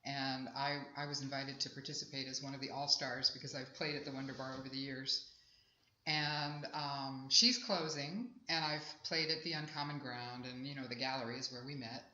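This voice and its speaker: In a casual interview on outdoor festival grounds, a singer-songwriter in her sixties speaks in a steady bass voice at normal speed. She is chatty, warm and reflective, tending to ramble. The live field recording is echoey and dull, with a little hiss or hum.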